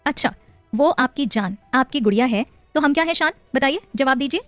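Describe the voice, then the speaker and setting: A woman's voice: high voice, lively intonation, a little fast, fairly bright tone, no room sound, faint music behind, pitched above the performer's own voice. A woman voicing a firm but loving young wife and mother in an audio story, with a teasing, affectionate scolding manner.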